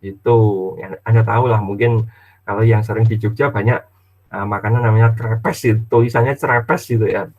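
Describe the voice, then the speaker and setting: A middle-aged male lecturer talks to his students in a relaxed, chatty way. He slips into little acted exchanges with his child. The sound is thin and tinny, like a phone line. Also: on the low side, fairly quick. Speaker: university lecturer. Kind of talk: casual online lecture.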